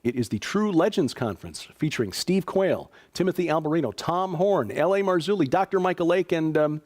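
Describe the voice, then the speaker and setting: With a fairly high, darkish voice, the Chicago-born host reads the news a little fast and with plenty of expression. It's laid-back commentary on stories and announcements, sprinkled with fillers and dry remarks.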